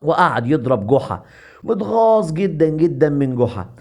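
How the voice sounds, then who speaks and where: A man with an Egyptian accent telling a comic folk tale in a lively, repetitive way. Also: a little high, normal speed. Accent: Egyptian Arabic. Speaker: storyteller.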